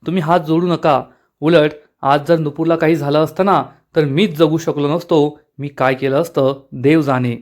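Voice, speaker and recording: एक पुरुष काळजी करणाऱ्या, प्रेमळ नायकाच्या ओळी वाचतो. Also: male voice, on the high side, steady tone, normal speed, lightly acted. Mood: earnest. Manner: earnest, caring. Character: devoted protective young hero.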